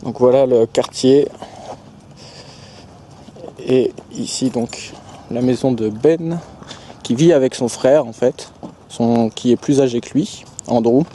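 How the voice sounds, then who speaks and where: A young man from France talks through a casual vlog while showing a house and its garden. He hesitates a lot and restarts his sentences, in a mellow, darkish voice at an ordinary pitch. A faint hiss sits under the recording. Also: unhurried. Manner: hesitant, many fillers and restarts. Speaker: travel vlogger. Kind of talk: casual vlog narration, giving a house tour.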